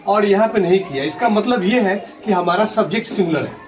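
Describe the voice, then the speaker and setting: Fairly quick and high-voiced, a man teaches grammar to a school class, explaining each step, asking questions he then answers, and spelling words letter by letter. The classroom recording is distant and has clear background noise.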